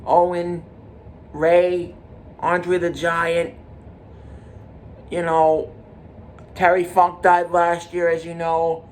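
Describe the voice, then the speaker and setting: A man of forty hosting his own podcast, talking in a halting, repetitive way with many restarts and fillers. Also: on the high side, completely flat delivery, a little hiss or hum. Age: 40s. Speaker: podcast host. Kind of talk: casual monologue.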